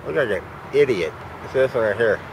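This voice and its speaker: With lively intonation and a fairly quick delivery, a man in his forties vlogs from a shopping center parking lot, his mid-range voice carrying dry, rambling remarks and muttered side comments. He films on a handheld camera at arm's length, with traffic noise and outdoor ambience in the background.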